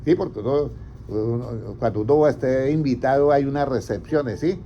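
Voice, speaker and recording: A man's voice: mid-range voice, moderate pace. A man, preaching as a pastor. He keeps asking his congregation questions and then answering them himself. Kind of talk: interactive sermon. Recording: slightly dull, faint background noise.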